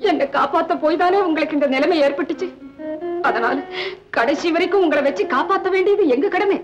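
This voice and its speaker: An actress playing a gracious, grateful mistress of an estate in a 1960s film. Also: female voice, extremely high pitch, fairly quick, highs cut off, over music. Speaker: estate owner's mother.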